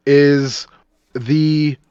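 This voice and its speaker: A man co-hosting a podcast in casual chat, excitable and rambling with lots of restarts. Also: fairly high pitch, very slow, clear, resonant tone, dry recording, lo-fi sound. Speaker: podcast co-host.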